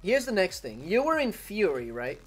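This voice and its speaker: A young gaming streamer's high, breathy-edged voice swoops wildly in pitch at a normal speed as he chats casually with live viewers, frequently repeating phrases. His first language is Spanish, and his accent shows it. He's at a desk in a room at home, soft music playing in the background.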